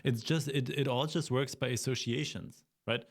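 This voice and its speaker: Male reaction commentator, mid-pitched, sceptical, dismissive, thinking aloud in halting phrases. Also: steady tone, faint music behind. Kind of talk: unscripted critical commentary.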